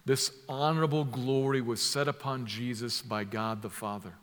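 A man's voice: mid-range voice, fairly even intonation, normal speed. Preacher man in a reverberant hall. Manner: emphatic, builds from soft to loud with vivid imagery. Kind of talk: sermon.

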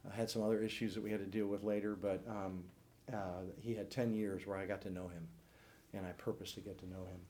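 A man's voice: lowish voice, level tone, brisk, a little mellow, slight background noise. A man in his sixties from the St. Louis area, telling his personal faith testimony to a church class in an earnest, reflective way. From St. Louis area, United States. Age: 60s.

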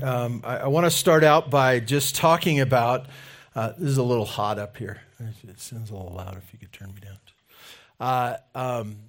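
A male pastor delivers a sermon into a pulpit microphone. His voice sits at an average pitch, and he takes his time, moving at a slow pace. The delivery is halting, with frequent pauses between short phrases. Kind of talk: sermon with scripture reading and prayer.

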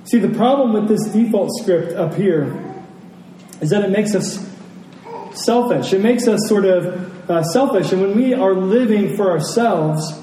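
Here an American man preaching as a pastor has a high, dark voice that sounds animated yet unhurried. His sermon is conversational and reflective, with phrases repeated to drive points home, captured on a distant mic in a roomy space with faint noise.

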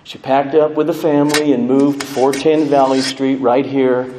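A middle-aged American man giving a tender eulogy for his mother, speaking in a measured, halting way with pauses. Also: medium pitch, level tone, mellow. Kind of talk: eulogy speech at a memorial service. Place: large echoing room at a funeral service. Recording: echoey hall, faint background noise.

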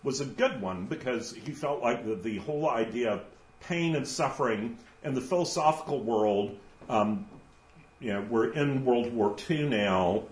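A man giving an informal lecture in an animated, digressive way, often laughing at his own asides. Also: mid-range voice, a little slow. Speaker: teacher. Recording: roomy echo with faint ambience.

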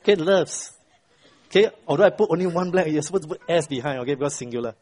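A middle-aged man with a highish voice teaches an interactive Bible class at a quick pace while some chatter runs in the background. He quizzes his students, tags points with a constant "right?", and retells the story with lively voiced quotes.

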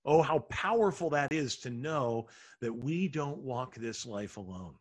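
A pastor giving an earnest sermon, drawing out key words slowly and letting phrases fall to a hush. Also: male voice, medium pitch, animated. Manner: earnest preaching with slow, drawn-out emphasis and soft hushed endings.

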